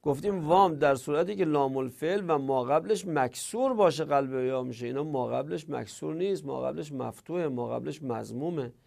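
Gravelly-voiced man teaching a grammar class. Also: on the high side, hardly any pauses, a little mellow. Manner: explains step by step, asks and answers imagined student objections.

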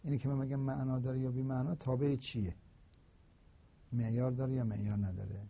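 A man lecturing on philosophy of language, explaining slowly and deliberately with repeated examples. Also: mid-range voice, little pitch movement, creaky. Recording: dull, lo-fi recording.

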